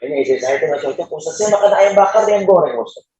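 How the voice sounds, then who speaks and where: A man's voice: fairly high pitch, expressive, racing, mellow, close to an everyday voice. A middle-aged husband airs petty, whiny complaints about his wife, as a preacher puts him on. The audio is dull and lo-fi, with a roomy echo. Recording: roomy dull mosque hall.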